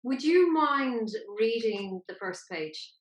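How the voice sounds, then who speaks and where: A woman's voice: fairly high pitch, expressive, slow pace, slight background noise. A woman with an Irish accent hosting a conversational podcast interview, wordy and often rephrasing her points. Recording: echoey, roomy sound.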